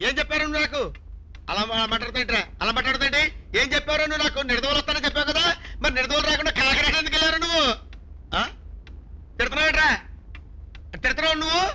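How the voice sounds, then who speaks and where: A man's voice: extremely high pitch, sharp tone, heavily acted. An actor playing a bumbling, panicky young cosmetics salesman in a film comedy, wailing out one exclamation after another. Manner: frantic, full of wailing exclamations.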